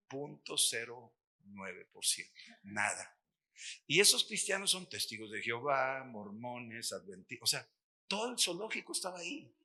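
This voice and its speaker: A middle-aged Mexican man giving a lively testimony sermon at a missions workshop, acting out the dialogue as he tells the story. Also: medium pitch, breathy edge. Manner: animated storytelling, acts out dialogue.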